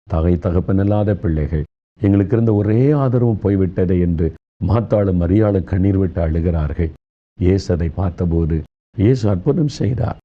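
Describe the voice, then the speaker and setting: Casting: male preacher, very low voice, comforting delivery, muffled lo-fi sound. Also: husky. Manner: gentle, consoling, addresses listeners directly. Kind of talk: sermon.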